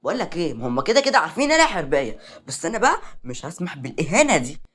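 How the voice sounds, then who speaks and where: A woman's voice: low voice, very animated, racing, a bit bright. A woman voicing a spoiled, scheming young woman, indignant and bitter, in an Egyptian Arabic accent.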